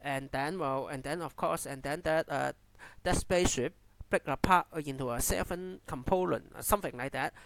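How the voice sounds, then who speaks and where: A man from Hong Kong, a native Cantonese speaker with a heavy Cantonese accent, gives unscripted commentary haltingly, often repeating and restarting phrases. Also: on the high side, gravelly, fairly bright tone, slight background noise. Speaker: amateur YouTube commentator.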